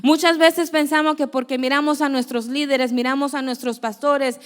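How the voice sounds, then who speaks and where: Young woman preaching a testimony, earnest storyteller, high voice, echoey church hall. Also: fairly even intonation, moderate pace. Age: young adult. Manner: earnest storytelling, acting out dialogue. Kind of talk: testimony sermon.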